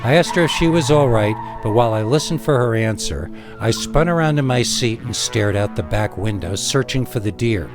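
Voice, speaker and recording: In a mid-range voice, a man narrates a scary story in the first person like a dramatic storyteller, delivering it theatrically and emphatically with deliberate pauses.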